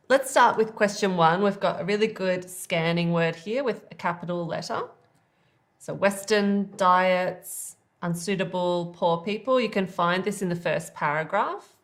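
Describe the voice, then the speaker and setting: A woman at a middle pitch teaches an online exam-prep lesson. She explains reading techniques in a clear, patient, emphatic way, guiding the listener step by step. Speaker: IELTS teacher.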